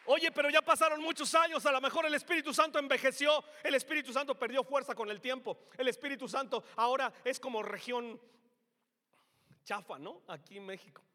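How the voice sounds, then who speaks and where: A male preacher with a Mexican accent delivers an emphatic sermon in a strikingly high, bright voice. He shifts from soft, confiding asides to shouted climaxes. His voice carries a long reverb, as if in a large hall or church. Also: fairly quick. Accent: Mexican Spanish.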